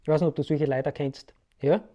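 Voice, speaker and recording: A man's voice: a little high, steady tone, a little fast, warm tone, dull audio. A man, explaining ideas casually to the viewer in a loose, rambling way and often checking in with "ja?". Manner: keeps asking "ja?" to check in with the listener. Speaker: self-help video host. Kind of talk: casual explanatory talk to camera.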